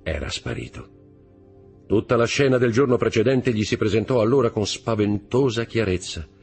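Deep husky male narrator. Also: animated, a little mellow. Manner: dramatic, measured. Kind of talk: audiobook narration. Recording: faint background music.

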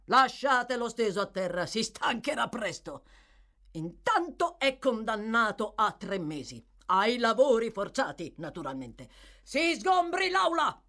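A woman reading aloud, voicing a bullying, sneering male magistrate who barks loud, scornful orders in an audiobook. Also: mid-range voice, very animated, unhurried, pitched above the performer's own voice, exaggerated voice. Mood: harsh.

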